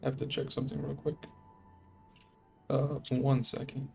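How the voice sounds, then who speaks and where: A man's voice: medium pitch, completely flat delivery, normal speed, gravelly, a little mellow, soft background music. A man streaming a video game with casual live commentary and reactions.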